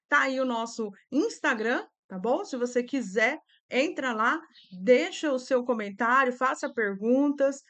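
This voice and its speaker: A young Brazilian woman teacher with a Brazilian accent walks other teachers through classroom reading activities. Her voice sits a little high, and her delivery is chatty and informal, with frequent tag questions. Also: a bit bright. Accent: Brazilian Portuguese.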